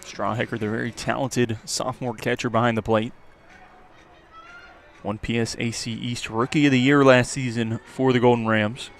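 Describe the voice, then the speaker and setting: A man does live radio play-by-play of a baseball game, his mid-range voice flat and at a normal speed. Outdoors at the ballpark, crowd noise and ambience surround him, with faint music behind.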